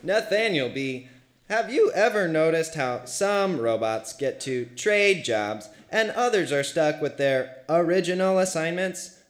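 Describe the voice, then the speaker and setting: A man's voice: fairly high pitch, lively intonation, a little slow. A man voicing a corny male comedian robot with hammy stand-up patter.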